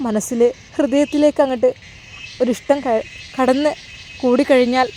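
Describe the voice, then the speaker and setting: A woman's voice: high voice, steady tone, normal speed, dark tone, a little hiss or hum, voice pushed up, natural voice. A woman voicing a heartbroken young woman who talks in a tearful, bitter, pleading way, with faint crickets behind. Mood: hurt, bitter. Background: faint evening crickets.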